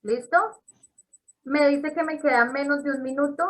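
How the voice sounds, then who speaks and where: A woman's voice: high-pitched, steady tone, normal speed, a bit bright, rough recording. A woman teaching an English class on a video call, explaining step by step and checking in with her students. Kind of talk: online class instruction.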